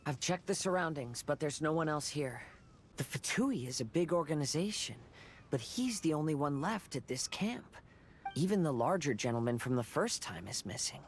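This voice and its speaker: An actor voicing a calm, polite young swordsman who speaks in a gentle, measured way. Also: on the high side, slight background noise, natural voice.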